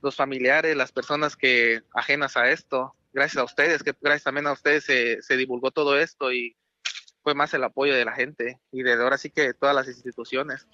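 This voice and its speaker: A man, relative of a freed kidnapping victim, talking haltingly on a phone interview and repeating himself as he thanks God. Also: mid-range voice, fairly even intonation, sharp tone, dry recording, dull audio.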